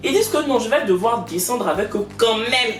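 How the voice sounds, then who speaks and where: A young woman telling a funny story with animated, acted-out dialogue. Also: on the high side, a little fast, distant mic. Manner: lively, acts out dialogue, laughs mid-story. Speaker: vlogger. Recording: roomy echo, off-mic, faint music.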